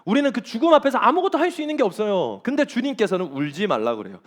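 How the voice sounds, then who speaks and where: A man's voice: sits high, very animated, racing. A man preaching a sermon as pastor, emphatic and firing rhetorical questions at the congregation.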